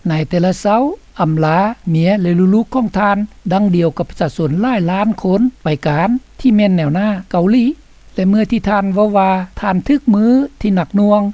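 A woman's voice: mid-range voice, brisk, dark tone, no echo. A woman reading scripted documentary narration for a radio report. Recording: dull, slightly lo-fi, dry studio sound.

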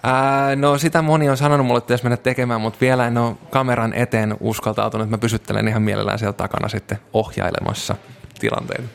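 A man's voice: medium pitch, vocal fry, clear, resonant tone. A Finnish man, an interview guest, telling travel stories casually with many fillers. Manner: relaxed storytelling with frequent fillers.

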